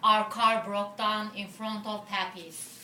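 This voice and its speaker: A woman poet giving a slow, deliberate poetry reading in a bar. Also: mid-range voice, level tone, sharp tone. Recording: roomy, distant mic with noise.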